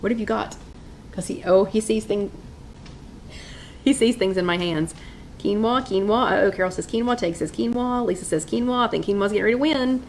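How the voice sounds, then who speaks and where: A woman's voice: mid-range voice, fairly quick, slight background noise, poor audio. A middle-aged woman hosting a casual live stream from her kitchen, chatting and reading viewers' votes aloud. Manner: chatty, upbeat, reads out viewer names and votes. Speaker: host of a live weight-loss chat.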